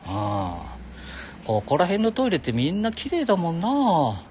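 Gruff older man, heavy ramble. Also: on the high side, huge pitch swings, normal speed, a little mellow, a little hiss or hum. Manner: gruff, jokey, talks to listeners as "お前". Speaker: solo audio show host. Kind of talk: rambling casual monologue. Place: outdoors beside a public toilet.

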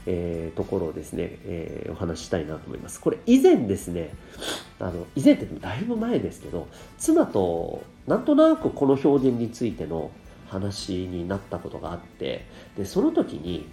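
Give me a male podcast host with a stuffy nasal voice, mellow but very lively in pitch, politely explaining. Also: normal speed. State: congested from rhinitis and dust. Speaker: podcast host and parenting coach. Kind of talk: solo podcast talk to listeners. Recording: roomy, echoey sound with light music.

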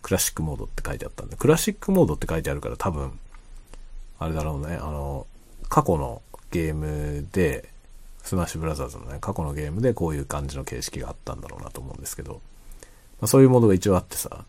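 A man chatting casually and quietly late at night, rambling as he explains, often trailing into soft asides. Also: very animated, racing, breathy edge. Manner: quiet, low-voiced late-night talk. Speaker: streamer chatting to listeners.

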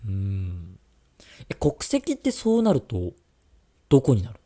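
A man's voice: lowish voice, huge pitch swings, a little slow, dark tone. A man co-hosting a radio-style podcast, chatting casually and teasing his co-host with jokes. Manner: teasing, joking banter.

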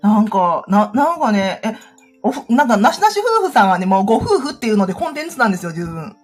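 A woman's voice: mid-range voice, big pitch swings, quick pace, breathy edge, soft background music. A woman with a Kansai accent, chatting as a guest and laughing often. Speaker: guest on a livestream. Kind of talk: casual chat.

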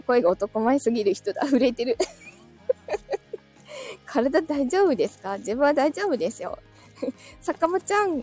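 A woman's voice: high-pitched, warm tone. A woman hosting a casual livestream, chatting with listeners, reading their comments aloud and laughing often.

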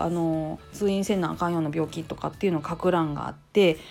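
A woman's voice: fairly low pitch, creaky, husky. A woman nurse hosting her own channel, talking casually in a Kansai accent, chatty and full of fillers. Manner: chatty, lively, hedging with fillers. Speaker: nurse and temple priest's wife, channel host. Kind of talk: casual solo talk.

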